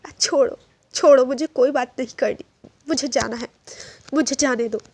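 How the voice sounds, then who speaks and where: A woman's voice: high-pitched, normal speed, darkish tone, husky, dry recording. A woman voicing a hurt, angry young man who bitterly accuses the friend who deceived him, mixing in English phrases. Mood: hurt, accusing.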